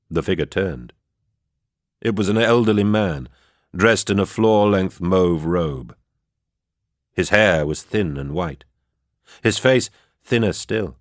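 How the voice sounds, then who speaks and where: A man reading a story aloud in a steady, measured way for a book club. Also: deep voice, no room sound, studio quality. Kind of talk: audiobook-style narration.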